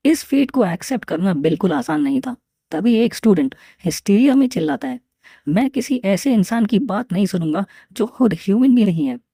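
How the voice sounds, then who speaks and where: A woman narrating a recap of a comic story in a steady storytelling delivery. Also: medium pitch, gravelly, breathy edge, no echo, studio quality.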